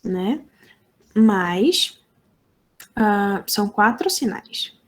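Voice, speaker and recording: A woman with a Brazilian Portuguese accent and an animated, mid-range voice teaches an online lesson on sign language phonology. She explains slowly and deliberately, step by step, checking often that her students are following.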